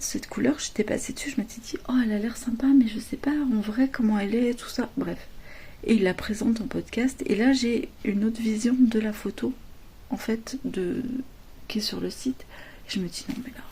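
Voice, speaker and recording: A middle-aged woman chatting casually to her viewers about knitting, speaking softly at home in a hushed half-whisper. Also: mid-range voice, slightly rough. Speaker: knitting vlogger. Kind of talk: casual chat. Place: home, early morning.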